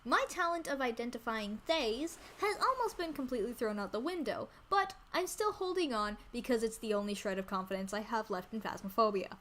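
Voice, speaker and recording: A woman chatting casually on a livestream in a cute anime-streamer manner, gushing and excitable, repeating phrases for emphasis. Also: mid-range voice, a little fast, few pauses. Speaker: VTuber streamer introducing themself. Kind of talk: casual livestream chat about games.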